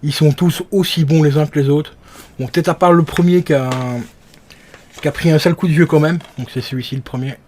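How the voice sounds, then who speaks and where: A man's voice: fairly high pitch, brisk, slight background noise. A young man chatting casually about his game collection, rambling with lots of fillers and restarts. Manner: relaxed, rambling with many fillers. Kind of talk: casual chat.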